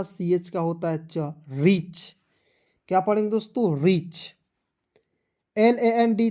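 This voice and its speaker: A man's voice: high voice, a little mellow. A man giving an online phonics lesson. He spells each word letter by letter and keeps quizzing viewers with patient repetition. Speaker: English teacher.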